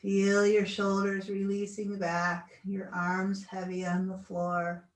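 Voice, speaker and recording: A woman guides a relaxation session at a very slow, unhurried pace. Her delivery is gentle and soothing, with an average pitch. She sounds set back from the microphone in an echoey room. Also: level tone. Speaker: yoga relaxation instructor. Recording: roomy echo, distant mic, video call recording.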